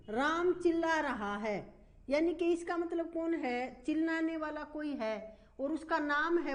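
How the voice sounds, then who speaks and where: A woman's voice: sits high, a bit bright. A woman teaching a Hindi grammar lesson, explaining step by step and asking questions that she then answers herself.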